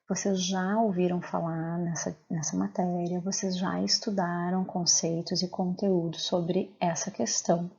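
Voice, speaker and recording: Raspy, gravelly-voiced Brazilian teacher woman. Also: on the low side, dark tone, muffled recording. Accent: Brazilian Portuguese. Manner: clear, patient explaining with questions to pupils. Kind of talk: recorded lesson.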